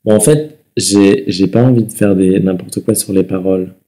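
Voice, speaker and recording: A young man with a slightly stuffy nose, hosting a live webcam chat from his living room and answering viewer comments in a soft, relaxed way. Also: deep voice, normal speed. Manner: soft-spoken and relaxed, sings between replies. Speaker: livestream host. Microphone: webcam mic.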